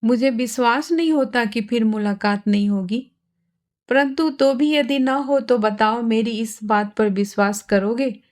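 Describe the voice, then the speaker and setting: Woman reading as a sharp-tongued mocking young woman. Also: fairly high pitch, a little slow, close to an everyday voice. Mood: pleading. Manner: sarcastic, taunting. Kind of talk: storybook reading.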